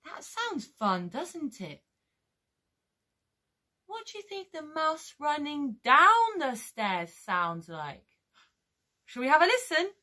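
High, sing-song British woman teaching toddlers. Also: huge pitch swings, pushed and bright. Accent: British English. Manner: sing-song, slow and exaggerated for small children. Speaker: children's music teacher. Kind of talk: singing and storytelling for toddlers. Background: guitar music.

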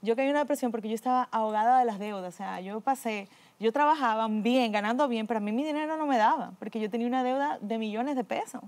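A middle-aged woman, earnestly telling her personal faith testimony, often dropping to a quiet voice. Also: on the high side, quick pace. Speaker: guest giving a testimony.

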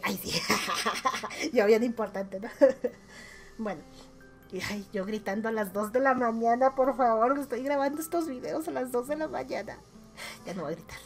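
A chatty Mexican woman with a somewhat high voice rates her friends' game profiles in a relaxed, teasing way and laughs often. Faint music plays underneath her talk. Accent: Mexican Spanish. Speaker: gaming YouTuber. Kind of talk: casual chat while rating game profiles.

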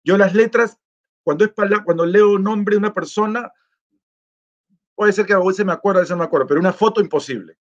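Through dull audio comes a man's high-pitched, fairly quick voice as he hosts a live stream. The vlogger, running a live chat contest, casually reads viewer comments and greetings aloud and answers them, keeping things chatty and easygoing.

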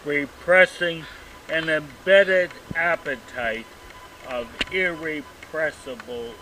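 A man reciting his own poem outdoors, in a very slow, deliberate, dramatic reading. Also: fairly high pitch. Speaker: poet. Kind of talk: poetry recitation. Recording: distant mic, outdoor noise and traffic.

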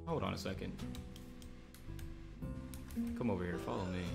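A man's voice: low voice, moderate pace, creaky, over loud music. A man streaming a Minecraft roleplay, chatting casually with his viewers between playing a character. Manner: chatty, jokey, talks to chat while playing.

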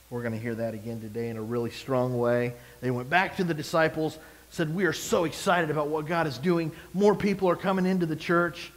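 A man's voice: mid-range voice, long reverb tail, low-quality recording. A male pastor giving a sermon, preaching expressively and asking the congregation rhetorical questions.

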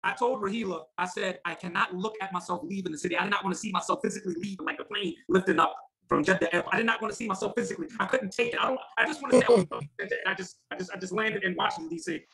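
A man in a casual group chat about a pilgrimage, animated and repeating words as he gets excited. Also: sits high, racing, gravelly, poor audio. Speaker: podcast panelist.

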